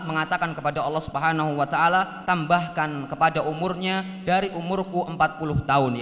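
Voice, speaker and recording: Male interpreter, slightly high voice, repeats and clarifies, long hall reverb. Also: fairly bright tone. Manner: repetitive, explanatory restating. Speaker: interpreter for a sheikh. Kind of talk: translating a religious lecture.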